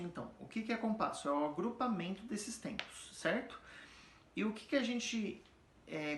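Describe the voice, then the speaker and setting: A man's voice: sits high, fairly bright tone. A man giving a casual music theory lesson, patiently explaining and often checking that the students follow. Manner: explains patiently, checks understanding with frequent tag questions; sings or chants example words slowly to demonstrate stress. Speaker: music teacher. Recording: echoey room.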